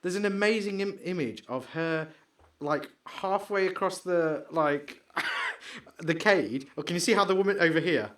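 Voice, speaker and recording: A man co-hosting a podcast, chatting excitably and rambling, trailing off into mumbles while he searches. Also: sits high, measured pace, hardly any pauses. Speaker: podcast co-host. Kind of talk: casual chat.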